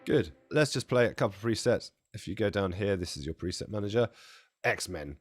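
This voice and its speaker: A man demonstrating music software from a home studio, his voice strained and close to giving out, chatty and self-deprecating with jokey asides. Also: on the low side, animated, fairly quick. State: strained, nearly losing his voice. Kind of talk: casual product walkthrough.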